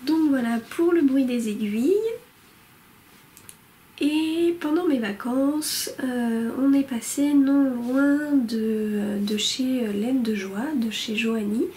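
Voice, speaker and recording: A woman's voice: sits high, slow pace, warm tone, poor audio. A woman showing her newest yarns in a casual vlog, chatty and hesitant, full of fillers and restarts, at home by a window. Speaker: knitting vlogger showing yarn purchases. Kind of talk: casual show-and-tell vlog. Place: home room lit by a window.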